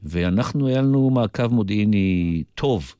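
An older man with an Israeli accent, telling his recollections deliberately, with asides, as a guest in a radio interview. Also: lowish voice, animated, mellow, no room sound, studio quality. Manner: deliberate storyteller who digresses into asides. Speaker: interview guest, retired military intelligence officer.

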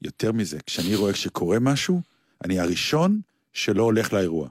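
A man's voice: fairly low pitch, no echo, studio quality. A man co-hosting a casual radio chat, bantering and acting out comic sketches. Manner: lively banter, acts out sketches. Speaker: radio co-host.

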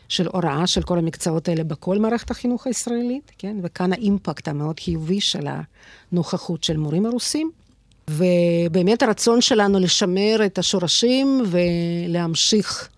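Low-voiced woman with a Russian accent in Hebrew. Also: darkish tone, dry recording. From former Soviet Union. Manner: explanatory, often checks with a short tag question. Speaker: professor of sociology, interview guest. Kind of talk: academic interview answers.

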